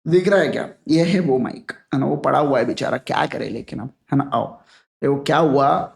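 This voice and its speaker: A man's voice: medium pitch, normal speed, gravelly. A man teaching law in a live online lecture on a podcast mic, chatty and jokey, often asking students to repeat answers.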